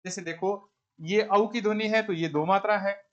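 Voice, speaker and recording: High-voiced male Hindi teacher. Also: steady tone, moderate pace, fairly bright tone, dull audio. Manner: repeats questions to students and answers them himself; counts syllable beats aloud step by step. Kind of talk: exam-prep lesson explaining verse meter.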